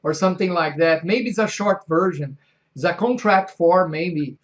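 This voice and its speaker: Hesitant Brazilian-accented male host. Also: sits high. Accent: Brazilian Portuguese. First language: Portuguese. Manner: hesitant, halting with many fillers. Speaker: host, English teacher. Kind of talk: casual interview. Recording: dull lo-fi sound.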